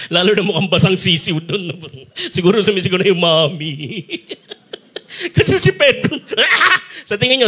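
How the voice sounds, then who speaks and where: A man's voice: high voice, slightly rough. A man with a Filipino accent preaching a sermon as pastor, telling stories with acted-out sounds and frequent laughter. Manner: animated storytelling, acts out sounds and quotes, laughs often. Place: church stage.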